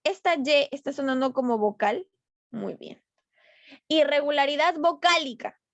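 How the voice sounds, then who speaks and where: A woman teacher with a high, light voice explains a review lesson at an unhurried, deliberate pace. She stresses syllables and quizzes a student, heard through a dull, lo-fi online class recording in a dry, close room. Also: lively intonation, dry recording. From Peru.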